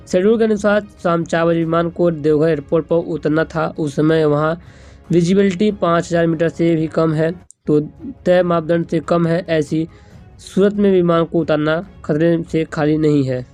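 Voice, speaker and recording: Higher-pitched man reading breaking news over music. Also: fairly even intonation, moderate pace, a little mellow. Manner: stumbles and repeats words while reading. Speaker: news presenter.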